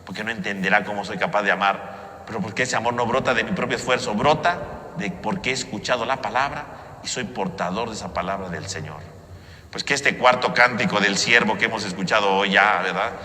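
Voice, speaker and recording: Male priest preaching and praying; forceful, bright delivery, cathedral echo. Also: on the low side, fairly quick, a little hiss or hum. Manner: rhetorical questions and frequent confirming tags. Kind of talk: homily and liturgical prayer. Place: large church, amplified. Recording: echoey church hall with long reverb.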